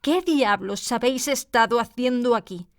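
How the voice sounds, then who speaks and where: A tyrannical Queen of Hearts voiced by a woman reading aloud barks shrill, high orders in a storybook reading. Her raised, pitched-up voice stays bossy and impatient, recorded close and dry. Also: expressive, moderate pace, no room sound, lightly acted. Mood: furious. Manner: shrill shouting commands. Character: furious imperious Queen of Hearts, adult woman.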